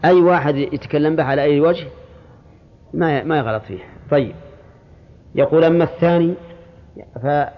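Man teaching a class on a lo-fi recording. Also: fairly high pitch. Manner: quizzes students, repeats word forms slowly; slips into colloquial asides. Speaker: religious scholar teaching a class. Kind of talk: classroom lesson, explaining a text. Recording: dull lo-fi lesson recording.

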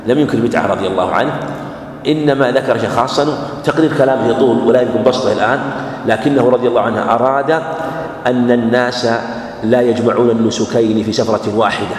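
A man giving a religious lesson, speaking in a measured way and repeating phrases for emphasis. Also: mid-range voice, a little hiss or hum. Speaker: Islamic scholar teaching a hadith class. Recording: echoey hall with faint ambience.

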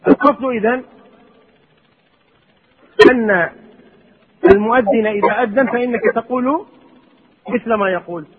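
A man's voice: very high-pitched, normal speed, pauses often. A man teaching Islamic law, reading lines from a text and explaining them with questions to his students. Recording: tinny phone-like audio with long hall reverb.

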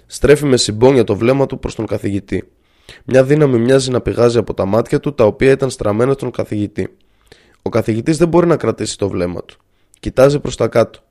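A man narrating a story aloud in a measured, earnest way. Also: medium pitch, vocal fry, a little mellow.

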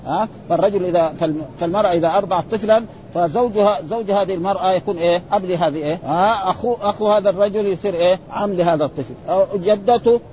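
A man's voice: high voice, darkish tone, a little hiss or hum. A man teaching a lesson, reading classical texts and explaining them in colloquial asides, with frequent "ha" fillers and self-corrections. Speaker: religious teacher. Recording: slightly dull lo-fi recording.

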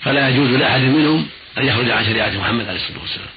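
Male Islamic scholar, formal Arabic, rapid didactic delivery, creaky voice, noisy radio recording. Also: mid-range voice, highs cut off. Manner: didactic, emphatic repetition. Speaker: Islamic scholar answering listeners' questions. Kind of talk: religious instruction in formal Arabic.

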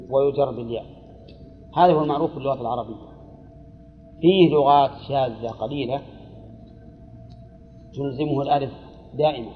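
A man teaching a classroom grammar lesson. He speaks deliberately, repeats phrases slowly, and puts questions to his students. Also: mid-range voice. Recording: dull lo-fi recording with long hall reverb and faint noise.

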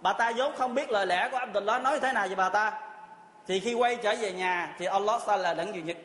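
A man's voice: sits high, brisk, fairly bright tone. A man telling a religious story as a sermon, earnestly retelling events and acting out the quoted dialogue. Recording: echoey hall.

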